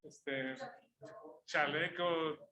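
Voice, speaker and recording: Bright-voiced man telling a story. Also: a little high, steady tone, drawn-out words. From Mexico. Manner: storytelling, acts out dialogue, chuckles while telling it. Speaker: preacher. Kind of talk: sermon illustration told as an anecdote.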